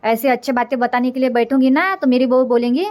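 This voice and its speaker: Cartoon casting: a woman as a grumbling older mother-in-law, a little high-pitched, scolding and rambling. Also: fairly even intonation, fast, a little mellow, natural voice. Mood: complaining. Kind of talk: comic cartoon voice acting.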